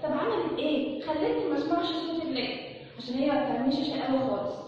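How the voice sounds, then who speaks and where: A woman with an Egyptian accent teaching young children in an animated sing-song voice, asking them questions as she goes. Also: high voice, racing. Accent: Egyptian Arabic. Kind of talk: children's lesson. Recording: echoey hall, distant dull mic, faint noise.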